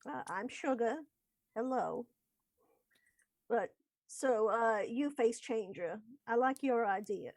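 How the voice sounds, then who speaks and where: Slow, halting woman player. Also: a little high, darkish tone, no echo. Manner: halting, filler-heavy, playful. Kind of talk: tabletop role-play chat.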